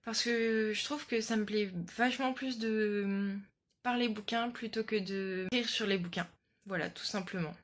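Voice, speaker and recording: A woman's voice: medium pitch, steady tone, moderate pace. A young woman in her late teens with a French accent, chatting casually and enthusiastically about her favourite books, with many fillers, filmed on a phone in selfie mode. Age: young adult. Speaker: book vlogger. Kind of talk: casual chat.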